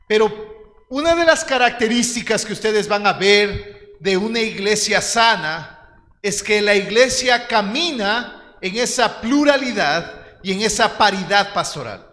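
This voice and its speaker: A man's voice: high-pitched, sharp tone. A man, preaching a teaching sermon in an earnest, direct way and calling his listeners brothers. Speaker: pastor. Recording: long hall reverb.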